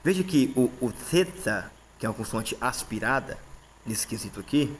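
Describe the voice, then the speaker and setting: A man with a Brazilian Portuguese accent walks through a lesson in a casual, patient way. He keeps checking in with his listeners and repeats each term as he goes. His voice sits at an ordinary middle pitch, with a faint hiss of noise behind it. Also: lively intonation, normal speed. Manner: frequent fillers and "tá?" checks, repeats terms. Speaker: teacher.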